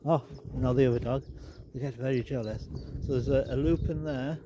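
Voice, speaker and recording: A man leads a casual walk-and-talk tour of his garden for his vlog, chatting away with wry digressions despite a slightly stuffy nose. His medium-pitched voice moves at a moderate pace with fairly even intonation. It's outdoors, and the background is noisy with birds and animals.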